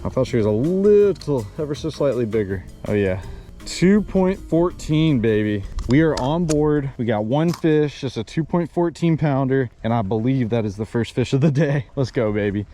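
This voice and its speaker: A young man chatting casually to camera in a fishing vlog, with an excitable frat-bro way of talking. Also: medium pitch. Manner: frat-bro hype slang, exclaiming. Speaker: fishing challenge vlogger. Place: outdoors at the water's edge.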